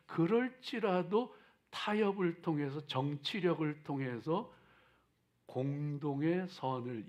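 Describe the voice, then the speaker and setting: A man preaching a sermon as a pastor, with emphatic exhortation that moves between hushed asides and loud declarations, repeating key phrases and putting rhetorical questions to his listeners. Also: a little high. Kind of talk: sermon to a congregation.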